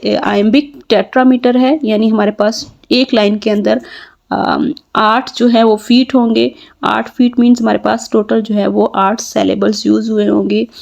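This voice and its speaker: A woman with a slightly high, gravelly voice, teaching a literature lesson. She explains each point step by step and keeps checking that listeners follow. Now and then she slows down for careful English sentences. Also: darkish tone. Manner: switches between Hindi and slow, deliberate English sentences. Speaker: literature lecturer. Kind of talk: classroom lecture.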